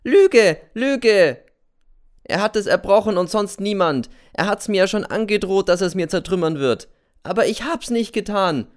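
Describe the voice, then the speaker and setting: Accused schoolboy: high, shrill, frantic audiobook figure. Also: male voice, expressive, normal speed. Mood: desperate. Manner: shrill, pleading shouts.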